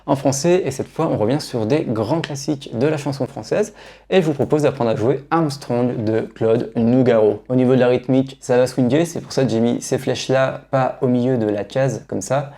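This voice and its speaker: A man teaching guitar songs in a relaxed, self-deprecating way, counting the beats aloud and speaking with a French accent. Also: medium pitch, normal speed, creaky. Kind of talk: casual guitar tutorial, talking and singing. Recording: guitar playing loudly behind the voice. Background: acoustic guitar.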